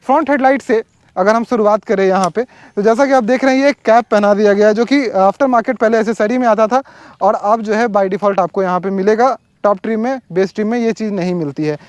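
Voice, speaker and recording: Male reviewer, high-pitched, chatty and explanatory, filler-heavy, dry close-mic sound. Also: a little fast, no echo. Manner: conversational, explaining features with frequent fillers. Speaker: motorcycle reviewer. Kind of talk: casual product walkaround. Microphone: wireless or helmet mic.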